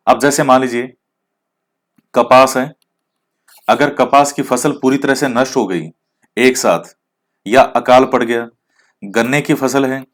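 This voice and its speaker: A man teaching an exam-prep lecture, who asks questions and answers them himself, mixes in English words, and admits his rustic pronunciation. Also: medium pitch. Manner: explains, then quizzes with questions he answers himself.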